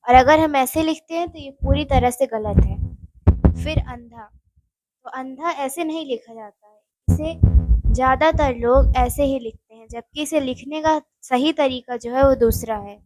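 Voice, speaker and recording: A woman's voice: high voice, mellow, rough recording. A woman teaching Hindi spelling for exam preparation, explaining words step by step and chatting directly to her viewers. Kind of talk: spoken exam-prep lesson.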